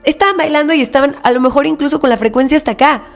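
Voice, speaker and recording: A young adult woman with a Mexican accent, casually recounting a spiritual experience and acting out the dialogue, soft music behind her. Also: sits high, rapid-fire. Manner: reflective, animated retelling with quoted dialogue. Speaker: spiritual podcast host. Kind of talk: casual personal storytelling.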